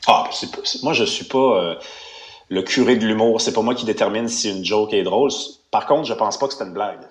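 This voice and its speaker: A man's voice: on the low side, fairly quick, echoey room. Emphatic Quebec man on talk radio. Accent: Quebec French. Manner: emphatic, with many restarts and fillers. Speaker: radio commentator. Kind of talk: opinionated radio chat.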